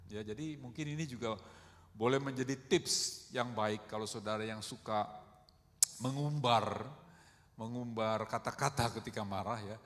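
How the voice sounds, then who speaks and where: A middle-aged man preaching a sermon in a conversational way, often calling the congregation "saudara" and acting out quoted speech with big swings in loudness. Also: mid-range voice. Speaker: pastor. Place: church hall. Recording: long hall reverb.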